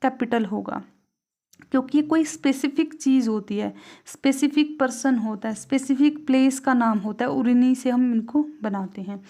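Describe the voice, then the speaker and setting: Young indian woman teaching grammar in hinglish, kinda high voice, asks stuff then answers it herself. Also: mellow. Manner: asks the class questions and answers them herself; reads English examples slowly, then translates. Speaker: English teacher.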